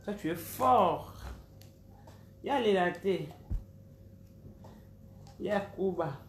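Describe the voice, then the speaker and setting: A woman's voice: medium pitch, animated, extremely slow, slight background noise. A woman, hosting a casual live stream and calling out viewers' names one by one. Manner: chatty, calls out names one by one. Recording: roomy echo, faint background ambience.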